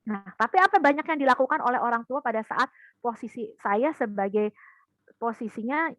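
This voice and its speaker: The audio is poor and dry, carrying a woman's fairly high voice at a slightly fast clip. Presenting a parenting talk in an online seminar, she tells energetic stories and speaks directly to the parents.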